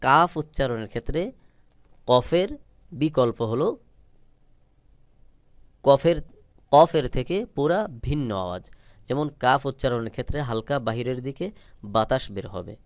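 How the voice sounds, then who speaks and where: A man's voice: medium pitch, normal speed, pauses often, smooth, dry recording. A man teaching Quran letter pronunciation, patiently repeating and stretching out each sound. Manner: patient, instructive. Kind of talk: slow step-by-step pronunciation lesson.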